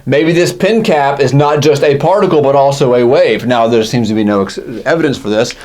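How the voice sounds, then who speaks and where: A man's voice: mid-range voice, fairly quick, a little mellow. A man teaching physics in a casual, self-correcting lecture style, often checking in with "right?". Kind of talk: classroom lecture.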